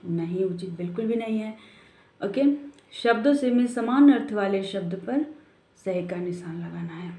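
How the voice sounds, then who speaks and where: A woman teaching a classroom lesson, patiently working through each exercise and asking the children questions as she goes. Her voice is mellow and soft-edged, at a middle pitch. The room around her is echoey. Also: moderate pace. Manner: patient, explains step by step with rhetorical questions and mixed-in English words. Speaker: school teacher. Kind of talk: classroom lesson explaining a textbook.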